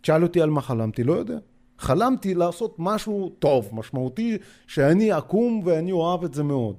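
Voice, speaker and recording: A man in his forties with a Russian accent, a podcast guest telling his own story in a hesitant, halting way full of filler sounds. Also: on the high side, very animated, mellow. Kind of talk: personal storytelling.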